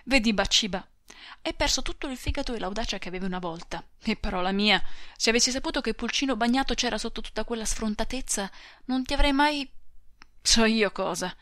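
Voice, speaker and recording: A woman's voice: fairly high pitch, fairly bright tone, no echo, studio quality, close to an everyday voice. A woman reading the part of a brusque young male soldier in an audiobook, speaking curtly and commandingly. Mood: impatient. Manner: curt, commanding, hurried.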